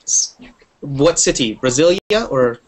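His voice is mid-range and animated but slow-paced as he teaches English to students on a video call. The young teacher stays upbeat and supportive, saying "cool" frequently, picked up by his earphone microphone.

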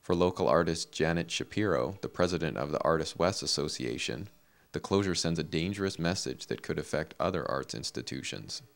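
Deep-voiced male news reporter. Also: fairly quick, creaky. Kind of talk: scripted news narration.

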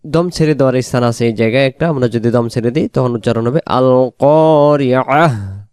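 A man leads a Quran recitation lesson in a very clear, crisp voice recorded close and dry. He talks through pronunciation points at a brisk clip, then slows right down to chant each verse aloud. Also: medium pitch, no echo. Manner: explains quickly, then chants verses slowly and loudly.

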